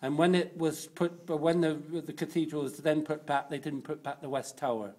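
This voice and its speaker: Higher-voiced man giving a halting guided tour. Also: fairly even intonation, a little mellow. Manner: halting, unscripted explaining. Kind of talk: informal guided tour commentary.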